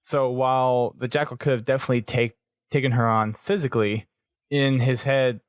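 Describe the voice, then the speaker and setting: A man co-hosts a podcast and walks through an episode in easy, casual talk. He pauses and restarts his sentences as he thinks. His voice sits at a middle pitch, recorded close and dry. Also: fairly even intonation, clean tone, no room sound. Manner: halting, restarts often while summarizing. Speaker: podcast co-host. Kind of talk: casual recap discussion.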